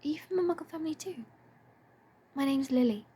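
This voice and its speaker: A high, eager schoolgirl bubbling with excitement, as a woman reading a story puts her on. The voice is soft and mellow, lifted well above the reader's own, with a faint hiss of noise behind it. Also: a little fast. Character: bright eager young girl, tearful then cheerful.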